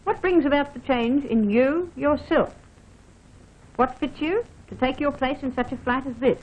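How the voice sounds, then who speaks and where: A high-voiced woman narrates an air force training film in an unhurried, scripted, formal manner, instructing the listener directly. The audio is dull and narrow, band-limited like an old film soundtrack.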